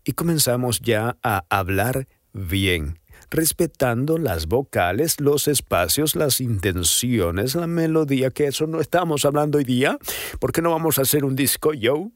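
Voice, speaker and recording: Male voice coach, casual and demonstrative, average pitch, dry small room. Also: expressive, measured pace, dry recording. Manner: demonstrative, swings pitch and loudness on examples; chatty, self-deprecating. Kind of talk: casual voice-training lesson.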